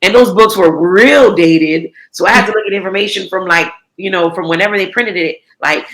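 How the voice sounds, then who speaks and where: This guest is an American recycling entrepreneur in her thirties, talking informally in an interview with frequent fillers and false starts. Her pitch is medium, her pace a little fast, her tone slightly bright, and the recording is rough.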